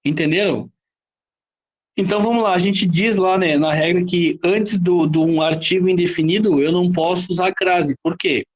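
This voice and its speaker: A Brazilian man teaching a Portuguese grammar lesson, explaining step by step with frequent rhetorical questions and quick checks for understanding. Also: high-pitched. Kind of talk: classroom lecture.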